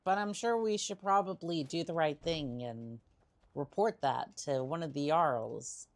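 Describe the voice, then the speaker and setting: Her low-pitched voice stays unhurried as she livestreams a game and chats casually. She teases playfully, muses aloud with some hesitation and slips into character now and then.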